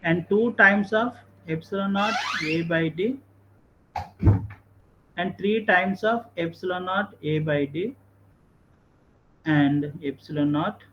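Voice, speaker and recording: A man's voice: high voice, slow pace, long pauses. A man with a South Indian Andhra accent and Telugu as first language teaches problems informally in an online lesson, mixing Telugu into his English. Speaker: physics teacher. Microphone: video call. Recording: muffled video-call audio, background noise.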